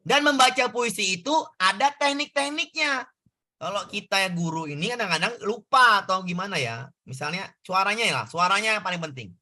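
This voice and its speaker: A male tutor works through exam questions in a casual, back-and-forth way and keeps asking his students for answers. His voice sits high for a man. It sounds very bright and sharp. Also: lively intonation, fairly quick. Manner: conversational, asks students questions. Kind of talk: exam prep lesson.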